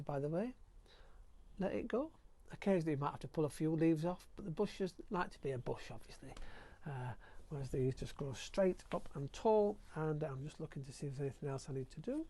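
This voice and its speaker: A middle-aged man with a Yorkshire accent, chatting excitedly to the camera while gardening outdoors at his allotment, recorded on a clip-on mic. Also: on the high side, fairly quick. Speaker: allotment vlogger. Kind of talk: casual gardening vlog. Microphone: clip-on mic with lead.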